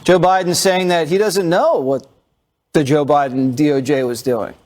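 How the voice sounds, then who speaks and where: A man reading scripted news narration as an anchor, in a crisp, brisk delivery. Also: on the high side, fairly even intonation, darkish tone.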